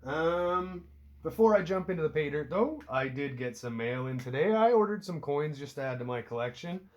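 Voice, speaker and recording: A slightly high, expressive male voice moves at a moderate pace, though the recording loses its top frequencies. The speaker is a Canadian outdoor hobby vlogger with a cold-clogged nose, rambling indoors at home about his hobby, with casual cursing and self-mocking asides.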